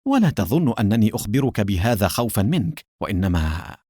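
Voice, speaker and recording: A man's voice: on the low side, sing-song, brisk, dark tone, husky, dry recording, clean studio sound. A man narrating an audiobook voices a cunning male secret agent who acts theatrically angry. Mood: feigned anger.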